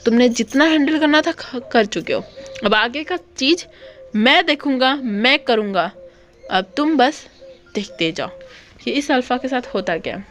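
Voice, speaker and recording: A woman voicing a possessive young male lion alpha student who talks boastfully and domineeringly. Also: high voice.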